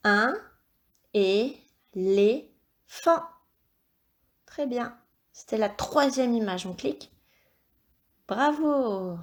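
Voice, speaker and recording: Woman, primary school teacher, video lesson, unhurried, stretched dictation, encouraging. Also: fairly high pitch, animated. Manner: slow, clear dictation with stretched syllables; encouraging, addresses the child directly. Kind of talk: recorded video lesson for young children.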